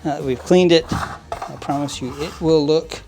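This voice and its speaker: With music playing in the background, a man whose voice sits on the high side narrates at a moderate pace as he cleans model trains at his work table. He runs a model train hobby channel, and his relaxed how-to talk wanders, with many fillers, restarts, and frequent little laughs.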